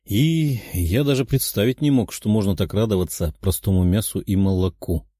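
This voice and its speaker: A man's voice: fairly low pitch, normal speed, warm tone, no echo, studio quality, natural voice. A man voicing a polite, earnest young nobleman who speaks formally. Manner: formal, courteous.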